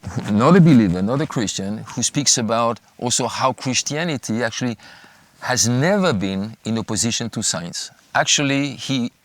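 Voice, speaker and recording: A pastor and former math teacher from France with a French accent, answering interview questions in a thoughtful, halting way with many restarts. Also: male voice, medium pitch, dry recording.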